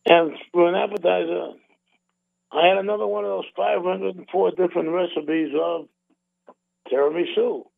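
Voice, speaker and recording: Gravelly-voiced radio host from Boston. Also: male voice, sits high, steady tone, normal speed, dry recording. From Boston area. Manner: rambling, repeats words and restarts. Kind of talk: casual radio talk. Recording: narrow phone-like radio sound, dry.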